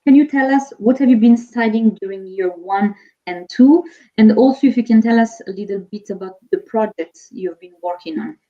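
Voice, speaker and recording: A woman's voice: medium pitch, normal speed, mellow, dull audio. A woman interviewing a student, asking polite, somewhat hesitant questions.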